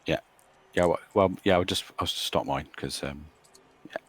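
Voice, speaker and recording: A man's voice: deep voice, moderate pace, fairly bright tone. A man casually recapping his tabletop game matches, talking hesitantly with many restarts. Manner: hesitant, restarts sentences, trails off. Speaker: Blood Bowl player recapping his games. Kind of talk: casual chat over game replay.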